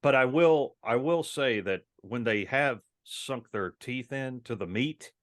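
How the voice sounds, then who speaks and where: A man's voice: mid-range voice, lively intonation, takes it slowly, fairly bright tone, no echo, clean studio sound. A man co-hosting a casual podcast, talking at length with many ums and restarts. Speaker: podcast co-host.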